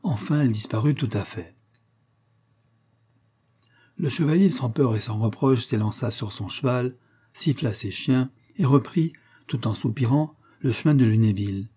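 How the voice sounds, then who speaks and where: A man reading a story aloud in a measured, gentle narration. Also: mid-range voice, breathy edge. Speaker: audiobook reader. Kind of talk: scripted narration.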